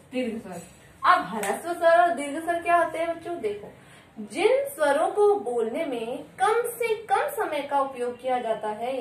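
Woman teacher, high voice, question-and-answer classroom delivery; distant mic in a reverberant room. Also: slight background noise. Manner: asks questions and answers them, addresses children. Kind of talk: classroom grammar lesson.

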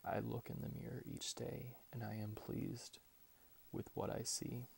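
Very creaky whispering man, slow ASMR pep talk. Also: mid-range voice, fairly even intonation, background noise. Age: 20s. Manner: slow, deliberate, hushed, with long pauses. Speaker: ASMR creator reading positive affirmations. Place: small bedroom at home, indoors.

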